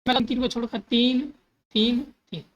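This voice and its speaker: A woman's voice: a little high, little pitch movement, measured pace, lo-fi sound. A woman teaching a math lesson step by step, number words into her talk, repeating steps and asking herself questions as she goes.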